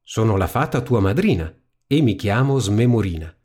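A man's voice: fairly low pitch, big pitch swings, moderate pace, a little mellow, breathy edge. A man voicing a kindly, round-faced little fairy godmother in a storybook reading, speaking sweetly and motherly.

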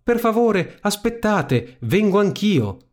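A man voicing Cenerentola, a gentle, hopeful young girl in a storybook reading, pleading in a raised girlish voice. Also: mid-range voice, expressive, a little slow, gravelly.

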